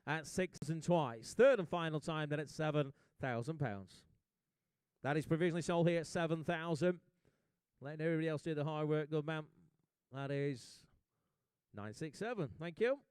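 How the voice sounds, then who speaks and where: A man calling bids as an auctioneer, his voice a touch high, smooth and resonant. He keeps up quick, jokey patter with the room. The sound is dry and close. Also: darkish tone, dry recording. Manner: brisk, jokey rapid bid calling.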